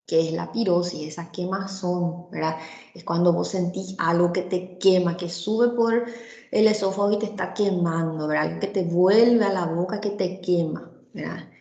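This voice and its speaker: A woman's voice: on the low side, steady tone, moderate pace, creaky, darkish tone, highs cut off. Woman lecturing in an echoey room. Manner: tags nearly every phrase with "¿verdad?" or "¿sí?"; explanatory, speaks directly to the students. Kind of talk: medical lecture.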